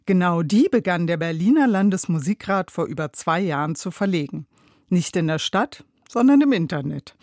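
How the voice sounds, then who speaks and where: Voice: medium pitch, dry recording, studio quality. A radio reporter presenting a scripted feature and addressing listeners directly.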